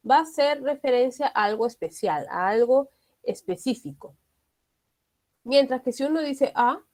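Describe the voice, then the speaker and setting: Woman, English teacher, patient explanations, frequent tag questions, slightly high voice. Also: darkish tone. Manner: explanatory, often checks understanding with tag questions. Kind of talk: online grammar lesson.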